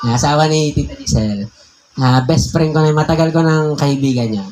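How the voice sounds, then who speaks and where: A man with a Filipino accent, a pastor telling a personal story in a conversational, animated sermon, often laughing. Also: on the high side, brisk, a little hiss or hum. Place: church hall.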